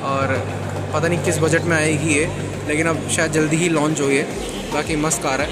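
A man's voice: a little high, level tone, moderate pace, over loud music. A man giving a casual, chatty walkaround of new cars at an auto show, talking straight to his viewers. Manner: chatty, informal, addresses viewers as brother. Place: busy indoor auto expo hall. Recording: loud crowd ambience behind the voice.

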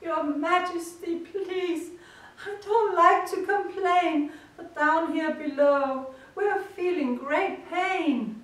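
A woman's voice: extremely high pitch, slow, voice pushed up. A woman voicing a small, meek male turtle who pleads politely through pain. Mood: pleading. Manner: pleading, soft. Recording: echoey room from far off.

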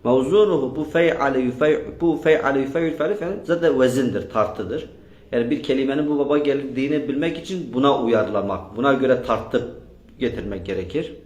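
A man's voice: mid-range voice, a little fast, darkish tone, muffled recording. A man teaching a grammar lesson, drilling his students with questions and repeating their answers. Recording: echoey room.

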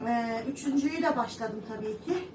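A chatty, middle-aged woman talks to her viewers from her kitchen. Her voice sits high and rambles along with plenty of fillers. The recording is echoey and distant, with steady background noise. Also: a little fast. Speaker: vlogger. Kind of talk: casual chat to viewers. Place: home kitchen.

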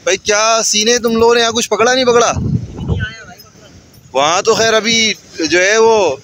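A man in his thirties with a Karachi Urdu accent talks in an easy, chatty vlog style, explaining each thing as he goes. He is recorded outdoors on a handheld camera, and street and sea noise come through clearly. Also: high-pitched, fairly even intonation, normal speed, a bit bright, low-quality recording. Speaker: vlogger. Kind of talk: casual vlog narration.

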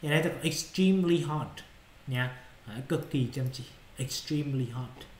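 A man's voice: medium pitch, moderate pace, roomy sound. A male English teacher explaining exercise answers in Vietnamese, often checking whether students follow. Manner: repeats checking questions to students.

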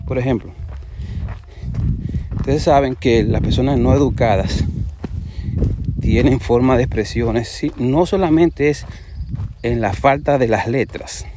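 A man's voice: medium pitch, a little slow, long pauses, background noise. A man from the Dominican Republic with a Cibao accent, giving unscripted religious commentary to camera and rambling from one point to another with frequent restarts. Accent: Dominican, Cibao region.

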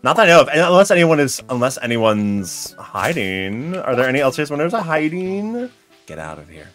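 In a fairly high voice at a moderate pace, a young American man chats on a gaming live stream from a small home room. He tells stories animatedly and reads viewers' messages aloud, while game music plays faintly.

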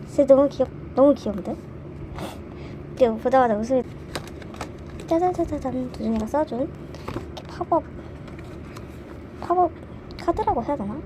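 A young woman vlogging an unboxing, excitable and quick to gasp and squeal with delight. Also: high voice, noisy background. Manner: excitable, gasping and squealing over merch. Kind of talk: casual unboxing vlog.

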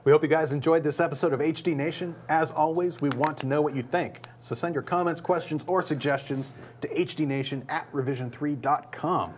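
Casting: male tech show co-host, 30s, rapid delivery, upbeat, laughs easily, light room tone behind. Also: fairly high pitch, fairly even intonation, slight background noise. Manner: fast, upbeat, laughing asides. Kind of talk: casual tech show chat.

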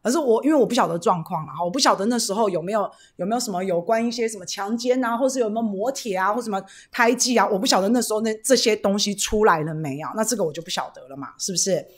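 A woman's voice: medium pitch, fast talker, hardly any pauses. Chatty Taiwanese livestream host woman. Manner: chatty, greets viewers by name, reads donations; rambling, frequent fillers and tag questions. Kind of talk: casual political livestream chat.

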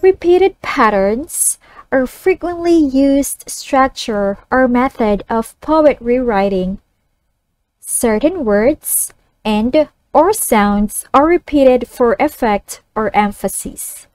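A woman teacher narrating a scripted lesson and reading poems for young children in a deliberate, instructive way. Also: high voice, animated, darkish tone, no echo, rough recording. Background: music.

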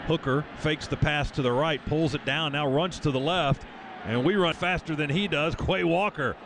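A man calling American football as a radio play-by-play announcer, in clipped, vivid running phrases. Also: fairly high pitch. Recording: stadium radio broadcast, clear background noise.

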